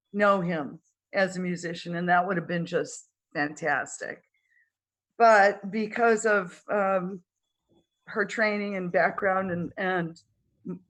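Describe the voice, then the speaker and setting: A middle-aged woman talking casually as a guest in an interview, halting with many fillers, her throat dry from talking. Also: lowish voice, a bit bright. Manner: halting, many fillers and restarts, occasional coughs. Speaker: guest conductor. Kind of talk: casual interview over video call.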